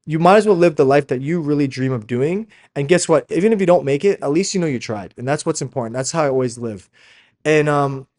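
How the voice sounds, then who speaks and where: A fashion brand founder and coach, a Slovak speaker who moved from Slovakia to Canada as a young child, coaches informally and emphatically in a motivational sales video. He calls his listeners "guys" and keeps checking in with constant tag questions. His voice is fairly high and a little mellow.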